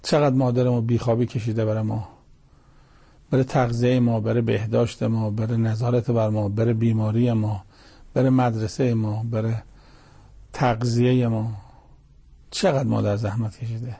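Very husky, gravelly-voiced male preacher. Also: mid-range voice, level tone, pauses often, mellow. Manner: exhorting, repeats lists and rhetorical questions. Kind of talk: religious sermon with Quranic Arabic quotations.

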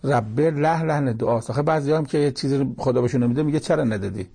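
A man's voice: medium pitch, mellow, slightly rough. A man giving a religious lecture, explaining verses in a plain conversational teaching manner with quoted asides. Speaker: cleric.

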